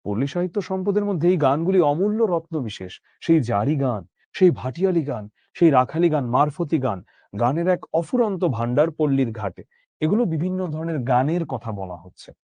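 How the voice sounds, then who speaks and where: Teacher, mellow, lecturing. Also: male voice, a little high, no echo. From Bangladesh. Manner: explains line by line, asks rhetorical questions, checks understanding. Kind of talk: explanatory lecture.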